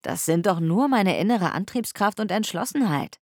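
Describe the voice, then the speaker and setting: A woman reading an audiobook, voicing a calm, gently teasing young man who talks slowly and easily. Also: medium pitch, no echo, clean studio sound.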